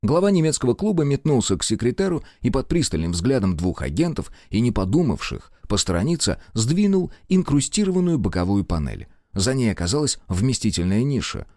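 A man narrating a novel as an audiobook reader, telling it in an expressive storytelling manner. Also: mid-range voice, brisk, hardly any pauses, dry recording, clean studio sound. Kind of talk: scripted narration.

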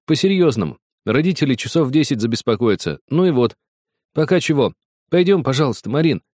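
A man's voice: medium pitch, lively intonation, a little fast, a little mellow, no room sound, studio quality, pitched above the performer's own voice, natural voice. A man doing a timid chubby teenage boy. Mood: coaxing.

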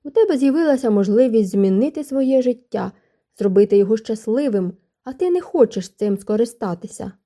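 Brief: woman voicing a passionate young gentleman, pressing, mellow and dark, storybook. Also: on the high side, animated, brisk, close to an everyday voice. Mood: insistent.

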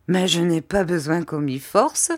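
A woman voicing a hearty, kindly middle-aged fisherman in a lowered, gruff tone. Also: measured pace. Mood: coaxing.

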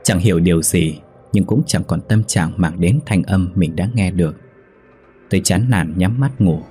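A man narrating a ghost story in a steady, measured reading. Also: low voice.

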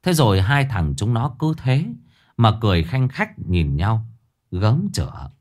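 A man narrating a spooky folk tale in an expressive, lively way. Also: lowish voice, measured pace. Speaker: storyteller.

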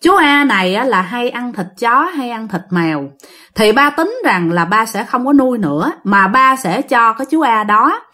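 A woman's voice: a little high, animated, normal speed, bright, forceful tone. A woman with a Southern Vietnamese accent telling a ghost story in a casual, chatty way, speaking straight to her listeners and acting out the dialogue. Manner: chatty, addresses listeners directly, acts out dialogue.

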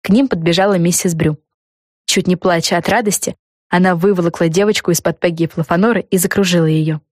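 A woman narrating a children's storybook in a calm, even way. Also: on the low side, fast talker, no echo, clean studio sound. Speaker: audiobook narrator.

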